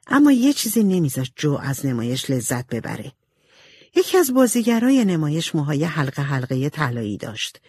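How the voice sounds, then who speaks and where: A woman narrating a storybook in an expressive, animated way. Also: deep voice, husky, dry recording, clean studio sound. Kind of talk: storybook reading.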